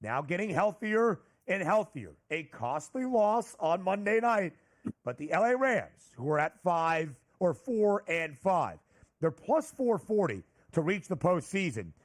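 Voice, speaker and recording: A man hosting a sports betting show, briskly walking through odds and team records and leading the questions to his co-host. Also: sits high, sing-song. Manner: brisk, numbers-heavy analysis, leading the questions. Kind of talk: sports betting analysis chat.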